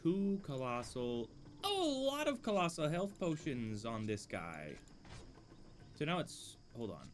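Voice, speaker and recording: A man's voice: mid-range voice, huge pitch swings, a little slow, slight background noise. A man casually commenting on his gameplay, musing and dryly amused, talking to himself at a desk microphone he sometimes leans away from. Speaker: streamer playing a game. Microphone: desk microphone, leans away at times.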